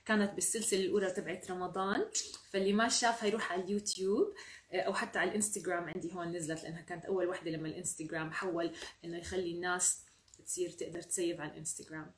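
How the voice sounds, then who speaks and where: A woman's voice: fairly low pitch, steady tone, racing. A woman with a Levantine Arabic accent hosting a children's storytime, chatty and encouraging. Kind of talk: reading aloud to children. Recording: roomy sound from a distant mic.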